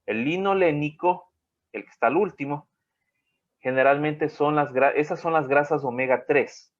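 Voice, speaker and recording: A man's voice: a little high, moderate pace. A man teaching an online class in a rambling way, often checking in with his students. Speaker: college teacher. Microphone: video call. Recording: dull lo-fi video call audio.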